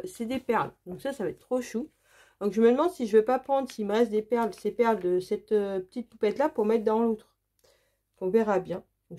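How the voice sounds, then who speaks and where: A woman from France talks through her craft kits in a chatty, eager way. Her voice sits at an everyday middle pitch, with lots of fillers and repeated praise. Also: dark tone. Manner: chatty, enthusiastic, many fillers. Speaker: craft vlogger. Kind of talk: casual unboxing chat.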